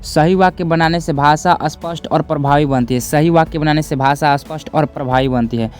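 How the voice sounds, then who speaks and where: Clear-voiced young male teacher. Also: fairly high pitch, steady tone, normal speed, a little mellow. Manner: repeats each point twice, addresses students directly. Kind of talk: classroom lesson explaining step by step.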